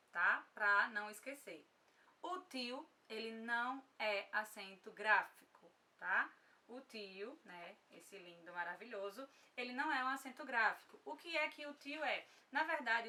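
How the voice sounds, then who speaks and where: A woman with a Brazilian Portuguese accent gives an online grammar lesson, her voice bright and slightly high. She explains patiently and keeps checking in with her students. She sits a little back from the microphone. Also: distant mic. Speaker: teacher.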